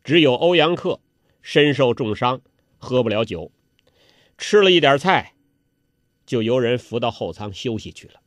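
A man telling a traditional Chinese story, dramatic, moving between loud exclamations and hushed asides. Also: mid-range voice, lively intonation, unhurried, pauses often, dry recording.

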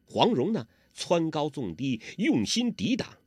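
A man's voice: on the high side, measured pace, husky, no echo. A man telling a martial-arts novel in a vivid, dramatic storytelling manner. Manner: lively, vivid, dramatic emphasis.

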